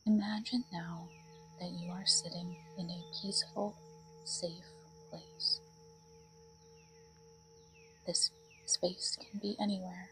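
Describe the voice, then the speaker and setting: A woman guides a meditation in a soothing, breathy mid-range voice that frequently sinks toward a whisper.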